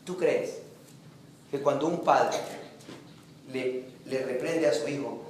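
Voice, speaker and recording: A male pastor preaching a sermon, reading scripture slowly and then preaching with rising emphasis, sometimes mimicking other voices. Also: medium pitch, slight background noise. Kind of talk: Pentecostal-style sermon. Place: church sanctuary. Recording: echoey church hall recording.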